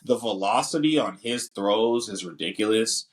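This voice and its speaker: A man's voice: fairly low pitch, lively intonation, moderate pace. A young man co-hosting a casual sports podcast, talking in loose, slangy bursts full of fillers. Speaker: podcast co-host.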